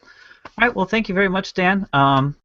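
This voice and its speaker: A man's voice: high-pitched, expressive, normal speed, bright, forceful tone. A man hosting a podcast, talking easily in casual chat and asking his guest questions. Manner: easygoing, short agreeing replies. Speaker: podcast host. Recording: dry, dull lo-fi sound.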